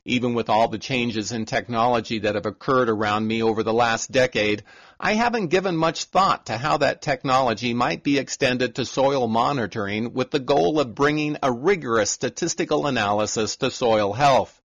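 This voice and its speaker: A man hosting an agricultural podcast, reading a scripted narration in a measured, informative way. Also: medium pitch, a bit bright, dry recording, lo-fi sound. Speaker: podcast host and farm reporter.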